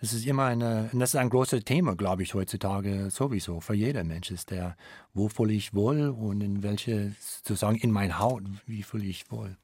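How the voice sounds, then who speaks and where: A middle-aged American man, a studio guest and veteran, speaking halting, searching German with an American accent in a radio interview. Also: on the low side, darkish tone, husky, dry recording. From United States. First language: English. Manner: searching, halting non-native German with restarts. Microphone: studio microphone.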